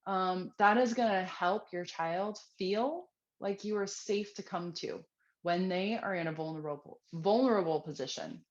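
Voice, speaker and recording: A woman parenting coach talks straight to the viewer in an earnest, conversational way, dropping in casual fillers. Her voice sits on the low side. The recording is slightly dull and lo-fi. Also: unhurried. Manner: earnest, conversational, with frequent fillers and acted-out quotes. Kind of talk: direct-to-camera parenting tips.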